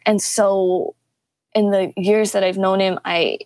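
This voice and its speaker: A young woman talks casually as a guest on a podcast about teaching. She tells stories with lively energy and often jumps up in pitch to act out what people said. The sound is dry and close. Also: takes it slowly, no room sound. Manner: animated storytelling, acts out quotes with pitch jumps. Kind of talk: casual interview talk.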